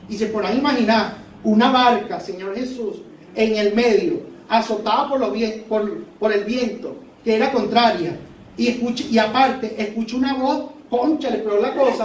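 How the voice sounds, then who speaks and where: A man's voice: high voice, slight background noise. A man preaching a fervent sermon, repeating phrases for emphasis, in a church hall. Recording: echoey church hall, mic far off.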